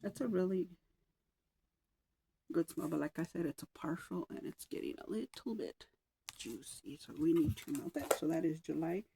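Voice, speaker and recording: Lady rambling through her wax melts at home, kinda gravelly, soft murmured asides. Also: low voice, moderate pace, a little hiss or hum, poor audio. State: a little out of breath. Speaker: wax melt vlogger. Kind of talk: casual chat. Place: home room with oil diffuser.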